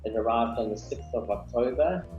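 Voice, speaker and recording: South African man, thirties, relaxed, hesitant ums, echoey room, muffled webcam sound. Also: mid-range voice, moderate pace, soft background music. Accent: South African English. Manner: relaxed, with frequent ums and uhs. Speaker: guest, business founder. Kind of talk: video call interview. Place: small home office indoors. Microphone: webcam on a video call. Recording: dull, roomy video call audio.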